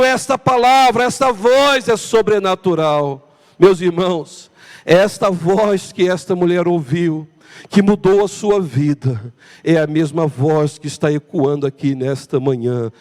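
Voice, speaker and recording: High-voiced preacher with cathedral echo. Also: male voice. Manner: dramatic preaching that swings from loud emphasis to hushed low tones. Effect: long cathedral-like echo. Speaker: pastor. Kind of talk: sermon. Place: large church hall during a morning service. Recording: voice with long hall reverb in a church.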